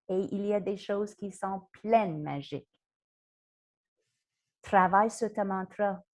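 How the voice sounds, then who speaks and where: Slow calm lady, coaching breathing and mantras. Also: medium pitch. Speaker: wellness coach. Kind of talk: guided mindfulness lesson.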